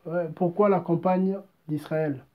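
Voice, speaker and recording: A man's voice: on the high side, fairly even intonation, unhurried, narrow, tinny audio. A French-accented man preaching a live-streamed sermon, exhorting and repetitive, rising to emphatic peaks. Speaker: pastor.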